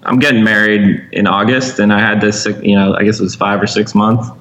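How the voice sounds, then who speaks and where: A man with a low voice answers interview questions, pausing and circling his thoughts before landing them. He grew up in Vermont, and the recording sounds dull and lo-fi. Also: flat delivery, a bit bright. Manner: hesitant, thoughtful, many fillers. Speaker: guest. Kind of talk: casual interview chat.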